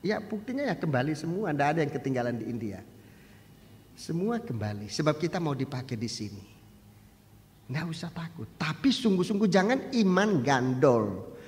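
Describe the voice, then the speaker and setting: An older male pastor delivers a sermon in a loose, conversational way, often asking the congregation direct questions. He drops to quiet asides, then climbs to loud, rising exhortations. His voice sits fairly high and rings with the long reverb of a church hall. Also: very animated, normal speed, slight background noise. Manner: loose, conversational preaching with direct appeals to listeners.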